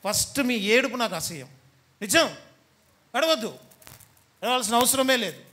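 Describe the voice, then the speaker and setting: High, bright-voiced pastor preaching. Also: male voice, lively intonation, moderate pace. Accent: Telugu. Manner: teasing, scolding preacher who mimics the people he talks about. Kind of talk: sermon.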